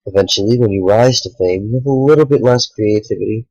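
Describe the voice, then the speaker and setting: A tired young man talking earnestly to the camera late at night, a small YouTuber speaking in halting sentences with sighs. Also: fairly low pitch, dark tone, no room sound, muffled recording. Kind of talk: sincere direct-to-camera talk.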